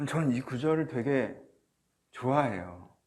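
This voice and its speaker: A man preaching a sermon as pastor of a church, animated, swinging from soft asides to loud cries. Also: mid-range voice, a little slow. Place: church or small studio, online service.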